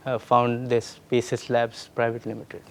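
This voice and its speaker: A man with a Pakistani accent answering interview questions in a hesitant, halting way. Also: medium pitch, completely flat delivery, a little hiss or hum. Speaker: interview guest, tech executive.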